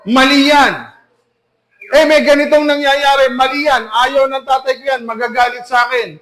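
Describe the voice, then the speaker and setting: A man's voice: extremely high pitch, level tone, fairly quick, fairly bright tone, echoey room. A man preaching an emphatic sermon as pastor, full of rhetorical questions to the congregation. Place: church hall.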